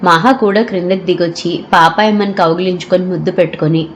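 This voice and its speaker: A woman narrating an audio novel in a steady storytelling manner. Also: on the low side, fast talker, slight background noise.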